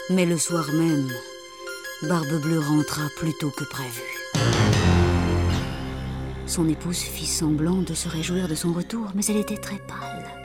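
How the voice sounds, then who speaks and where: A woman reading a fairy tale aloud in an expressive, dramatic storytelling manner. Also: low voice. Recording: music playing behind.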